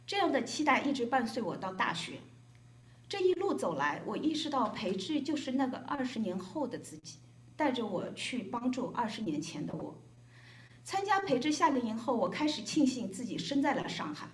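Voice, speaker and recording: Her voice sits on the high side, very animated and fairly quick, as this Shanghai woman reads a prepared, reflective speech. She is a volunteer addressing a gathering, and the hotel event room sounds echoey.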